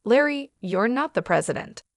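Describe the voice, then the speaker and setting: A woman's voice: fairly high pitch, lively intonation, moderate pace, no echo, clean studio sound. A woman voicing a brash, greedy stepsister. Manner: brash and pushy. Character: scheming greedy younger stepsister.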